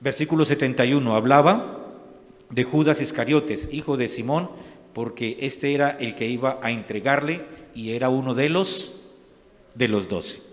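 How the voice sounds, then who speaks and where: A man's voice: mid-range voice, in a large hall. A man preaching as a pastor, talking conversationally and asking his listeners frequent rhetorical questions. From Colombia. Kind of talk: sermon. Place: church sanctuary.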